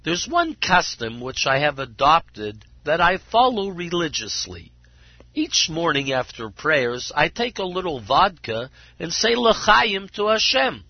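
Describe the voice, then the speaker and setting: A man's voice: fairly high pitch, sing-song, measured pace, no echo, full character voice. A man voicing a humble water carrier telling his story in plain, earnest words, in a dull lo-fi recording. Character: simple humble male water carrier, tearful.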